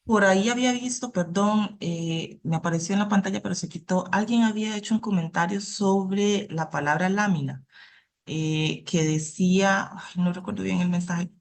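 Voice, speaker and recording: A woman's voice: mid-range voice, moderate pace. A woman answering audience questions in an academic online talk, friendly and polite. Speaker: presenter on the creole translation.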